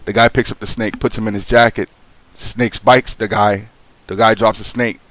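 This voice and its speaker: A man's voice: lowish voice, little pitch movement, normal speed, a bit bright, no room sound. A young man talking casually to the camera in a loose, slangy way, full of fillers and restarts, frankly airing a grievance. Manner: aggrieved, frank venting. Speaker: vlogger. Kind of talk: casual vlog monologue.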